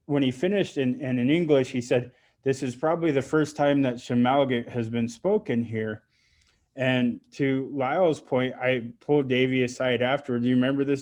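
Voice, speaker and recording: A middle-aged man from Alaska speaking with heartfelt emotion on a panel, halting often and restarting his sentences. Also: medium pitch, darkish tone. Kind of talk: heartfelt personal remarks on a panel.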